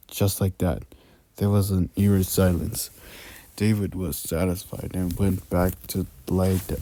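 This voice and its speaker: A man's voice: sits low, warm tone. A man reading a scary story aloud as its narrator, often stumbling, restarting words and adding asides to the listener.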